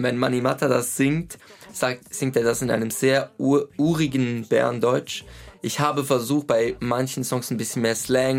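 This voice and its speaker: A man talking casually and quickly about performing songs. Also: mid-range voice, vocal fry. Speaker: musician guest. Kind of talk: casual interview talk.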